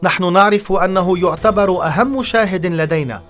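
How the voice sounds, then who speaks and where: A man's voice: sits high, brisk, pitched above the performer's own voice, close to an everyday voice. A man voicing an anxious male security officer who answers his boss hesitantly and apologetically, with faint music behind. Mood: apologetic. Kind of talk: audiobook dialogue.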